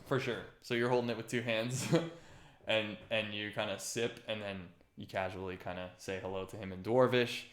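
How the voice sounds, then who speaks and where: A man's voice: lowish voice, fairly even intonation, moderate pace, a bit bright. A man narrating a tabletop game as game master, laid-back and full of hesitations. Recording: roomy echoey room.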